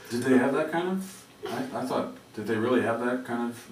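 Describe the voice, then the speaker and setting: A man working as a public radio host, interviewing conversationally in halting, rambling phrases. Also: medium pitch. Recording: roomy, distant, noisy radio interview.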